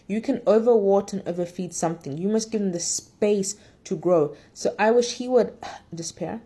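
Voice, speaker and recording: A woman's voice: mid-range voice, normal speed, mellow, husky. A woman in casual chat, reviewing a drama in a candid, opinionated and rambling way.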